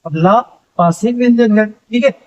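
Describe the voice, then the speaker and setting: A man's voice: sits high, normal speed. A male teacher giving an exam-prep grammar lesson, who keeps asking his students questions and then answers them himself. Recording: dull lo-fi audio.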